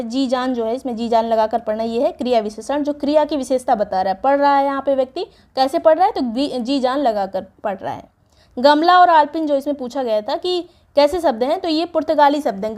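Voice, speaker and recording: A woman with a high voice teaches an exam prep lesson. She explains each point step by step and reads lists of words aloud one after another. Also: brisk, darkish tone. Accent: Hindi, North Indian.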